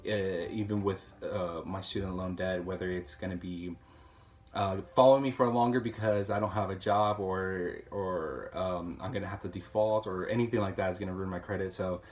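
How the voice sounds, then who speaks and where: A man in his twenties, a student advocate, speaking hesitantly with many pauses in a testimonial interview. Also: low-pitched, steady tone, faint music behind. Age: 20s. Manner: hesitant, lots of fillers.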